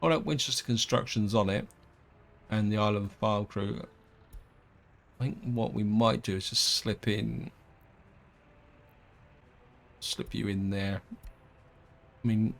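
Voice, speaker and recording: Man, gameplay commentary, relaxed rambling, gravelly voice, desktop mic. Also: on the low side, measured pace, pauses often. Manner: relaxed, rambling, thinking aloud with hedges. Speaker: gameplay video host. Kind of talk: casual let's-play commentary.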